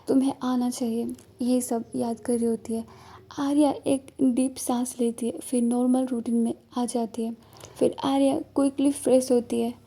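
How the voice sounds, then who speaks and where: A woman reading a scripted romance story aloud as narrator in a steady, descriptive way. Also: high voice.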